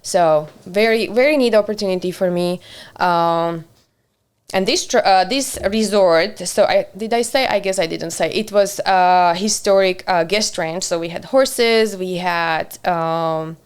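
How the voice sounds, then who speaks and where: A friendly woman, her voice sitting a little low and sounding smooth and resonant. She talks casually as a podcast guest, pausing often on "uh" and laughing easily. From Slovakia. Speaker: podcast guest, community center director. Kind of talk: casual interview chat.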